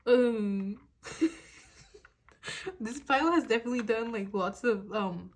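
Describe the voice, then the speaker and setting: A woman's voice: on the high side, a little slow. Giggly young woman rambling through a tarot reading. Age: young adult. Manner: rambling, giggly, many fillers. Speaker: tarot reader. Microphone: phone on a desk mount.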